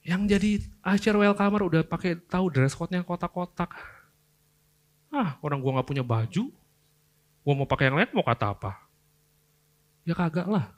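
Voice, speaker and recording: A young man, preaching a lively youth sermon, swinging between loud outbursts and quiet earnest asides. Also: fairly high pitch, moderate pace, pauses often. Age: young adult. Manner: casual slangy Jakarta-style delivery.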